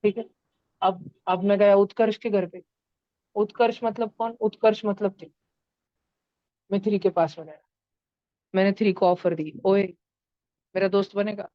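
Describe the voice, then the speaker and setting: A woman's voice: medium pitch, steady tone, moderate pace, long pauses, dry recording, highs cut off. A woman teaching a math lesson to children in an online class, turning numbers into story characters and acting out their lines. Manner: playful, acts out number characters in voices.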